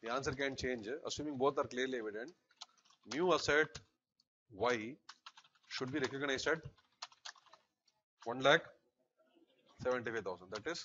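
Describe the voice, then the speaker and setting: A man's voice: mid-range voice, fairly bright tone. A middle-aged man with a Tamil South Indian accent, lecturing and dictating notes as an accountancy teacher, often checking on the class with short questions. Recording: slightly noisy, muffled recording, keyboard clicks.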